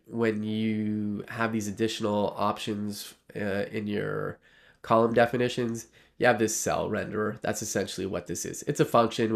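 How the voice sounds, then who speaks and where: Streaming his coding work live, a man chats informally in a fairly low voice with vocal fry, nasal from a cold. His talk wanders, full of fillers and false starts.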